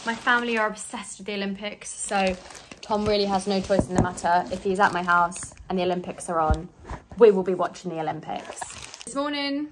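A young Englishwoman vlogs into a handheld phone camera, rambling casually with plenty of fillers. She speaks briskly at a medium pitch, with background noise behind her.

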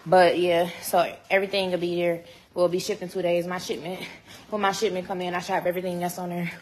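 A woman's voice: on the low side, level tone, a little fast, a little mellow, slight background noise. A young woman vlogging casually in a home garage gym, talking in a laid-back, teasing, slangy way into a phone held at arm's length. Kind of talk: casual home vlog chat.

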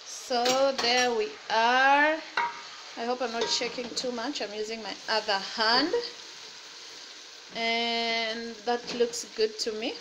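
A cooking vlogger and mother in her thirties talks in a slightly high voice, with background noise around her, as she cooks in her kitchen. Her casual cook-along chat is upbeat and encouraging, with some faith talk. The laptop or phone camera at desk distance makes the audio roomy and slightly distant, with faint ambience.

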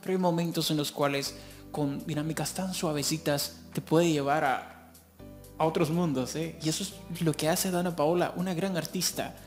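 Guy doing a music reaction vid, gets super excited and gushes, laughs a lot, kinda high voice. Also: normal speed. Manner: gushing, excitable, laughs often.

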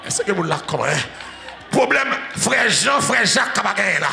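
A Haitian man preaching a sermon as pastor, breaking into loud shouted bursts and dropping into quiet storytelling. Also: high-pitched, big pitch swings, normal speed, gravelly, echoey room, faint music behind, a faint crowd.

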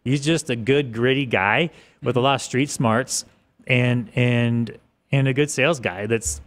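A man's voice: medium pitch, fairly even intonation, measured pace, a bit bright. Forties guy rambling on a podcast, office studio, desk mic. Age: 40s. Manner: casual, rambling with restarts. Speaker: guest. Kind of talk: podcast interview. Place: office studio with large windows. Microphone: boom mic on desk.

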